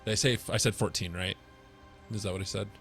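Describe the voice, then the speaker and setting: A man's voice: lowish voice, steady tone, quick pace, fairly bright tone, faint music behind. A man playing a tabletop game, casual and jokey as he rolls dice. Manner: easygoing, jokey. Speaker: player.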